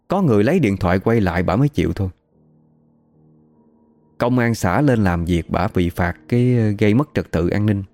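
Brief: male storyteller, low mellow voice, chatty retelling. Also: no echo. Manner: chatty, matter-of-fact retelling. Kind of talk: casual spoken storytelling.

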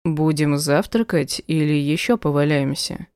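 A tender, teasing male werewolf played by a woman reading an audiobook murmurs softly and unhurriedly. The voice sits low and mellow, and it is recorded dry and close with no room sound. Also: fairly even intonation, clean tone, dry recording. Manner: soft, slow and hushed. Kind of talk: audiobook character voice.

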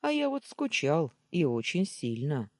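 A woman's voice: sits low, wildly swooping pitch, darkish tone, no echo, studio quality, exaggerated voice. Woman reading a tired, purring young man. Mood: teasing. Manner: slow, coaxing, teasing drawl.

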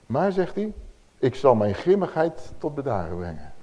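An older man preaching a sermon in speech, swinging from loud declaiming to soft tender asides. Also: mid-range voice, huge pitch swings, normal speed.

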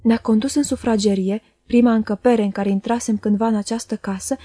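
Woman audiobook reader, calm and measured, mellow warm tone, dry close sound, somewhat high voice. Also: dry recording. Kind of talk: literary audiobook narration.

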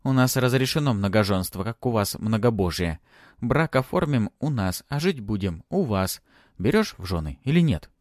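A man voicing a capricious young woman who loudly demands to be married. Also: animated, moderate pace, dry recording, studio quality, natural voice. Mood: demanding. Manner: shrill, demanding.

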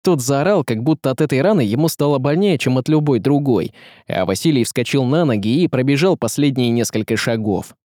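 A man reading an audiobook with lively, dramatic storytelling. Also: mid-range voice, fairly quick, no echo, studio quality. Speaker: audiobook narrator. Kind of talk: scripted audiobook narration.

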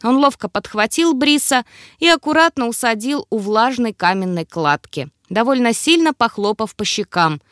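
A woman narrating a fantasy audiobook with expressive, wry storytelling. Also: a little high, normal speed, no echo, clean studio sound. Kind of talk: scripted narration.

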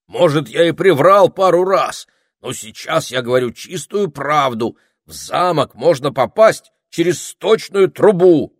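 A man's voice: on the low side, sing-song, normal speed, dry recording, clean studio sound, voice pushed up. A man voicing a boastful, sneaky male toad spy who whines and wheedles. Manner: whiny, wheedling, cocky.

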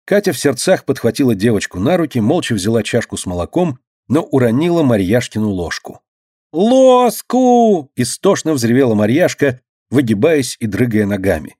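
A man's voice: mid-range voice, big pitch swings, a little fast, hardly any pauses, a little mellow, breathy edge, no room sound, clean studio sound. A man narrating a children's story expressively as an audiobook reader. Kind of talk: scripted narration.

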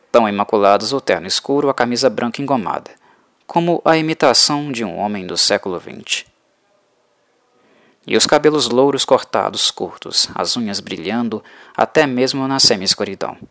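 A man reading an audiobook in an even, measured way. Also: mid-range voice, dry recording. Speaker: audiobook narrator. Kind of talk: scripted narration.

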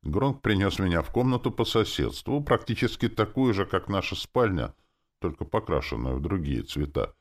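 A man reading a first-person audiobook with an expressive, wry delivery. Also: low voice, moderate pace. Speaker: audiobook narrator.

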